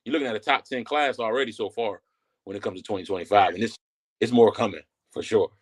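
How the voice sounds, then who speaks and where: A man's voice: fairly low pitch, husky. A man talking casually about college football recruiting as a guest, loose and full of fillers and restarts. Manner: quick, loose talk with many fillers and restarts. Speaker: guest analyst. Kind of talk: casual sports talk.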